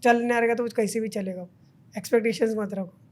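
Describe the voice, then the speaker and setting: A man's voice: sits high, fairly even intonation, fast talker, darkish tone. A male content creator sharing his experience and advice in a casual chat.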